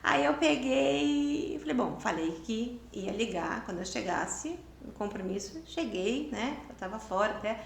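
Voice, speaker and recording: Brief: Brazilian interview guest, a woman around fifty, fairly high voice, animated, acts out the dialogue as she tells her story, roomy echo. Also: a little slow, creaky, hardly any pauses, a little hiss or hum. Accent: Brazilian Portuguese. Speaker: interview guest, writer and lawyer.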